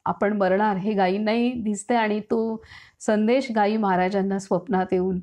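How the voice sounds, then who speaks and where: A woman with a Marathi accent reads a saint's life story and stops to comment on it. Her delivery is slow and searching, and she often pauses on soft fillers before going on. Her pitch sits in the middle range. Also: steady tone. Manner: slow, hesitant explaining with many fillers. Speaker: reader and commentator on a saint's biography. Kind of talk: devotional reading with commentary.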